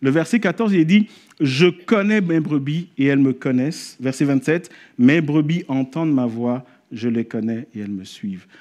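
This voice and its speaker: A man preaching a sermon at a church service, telling a story and rising to animated exclamations. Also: medium pitch. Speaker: pastor.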